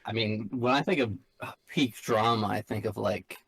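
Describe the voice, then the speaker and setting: A man's voice: fairly low pitch, normal speed, vocal fry, a little hiss or hum, rough recording. A man co-hosting a podcast over a video call, chatting casually in a laid-back, dry way. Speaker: podcast co-host. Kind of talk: casual chat. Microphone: video call microphone.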